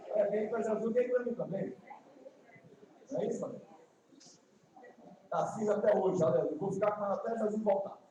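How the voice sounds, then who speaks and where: Guest preacher, man, 50s, Northeastern Brazilian accent, folksy and emphatic; high voice, distant mic in a very reverberant church. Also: noisy background. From Ceará, Brazil. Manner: folksy, joking asides, then slow emphatic preaching. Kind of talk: evangelistic sermon. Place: church sanctuary. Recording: echoey distant church livestream.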